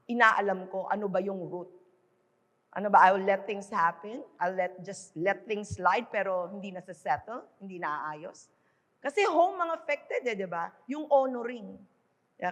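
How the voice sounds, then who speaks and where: A middle-aged woman pastor from the Philippines, her voice a little high and a bit bright, gives a conversational sermon in a large conference hall. She switches between Tagalog and English and keeps checking in with the crowd by asking "di ba?", with long hall reverb on the recording.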